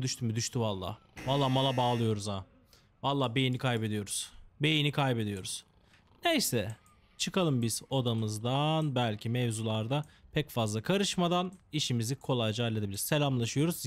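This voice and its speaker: A man of ordinary pitch talks through a game in a loose, joking way. He chats to the characters on screen and grumbles about his bad luck with playful overstatement. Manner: mock-dramatic complaining. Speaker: gameplay commentator. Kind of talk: casual let's-play commentary.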